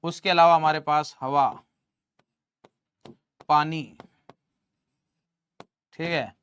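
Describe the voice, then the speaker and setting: A man's voice: on the high side, steady tone, drawn-out words, fairly bright tone, smooth, dry recording. A young man teaching chemistry in an online class, teasing and joking with his students. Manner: playful teasing, talks to students as "beta".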